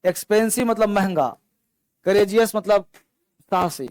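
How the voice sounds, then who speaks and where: A male teacher, giving a classroom grammar lesson and explaining slowly while he drills his students through repeated examples. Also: high-pitched, darkish tone, dry recording, low-quality recording.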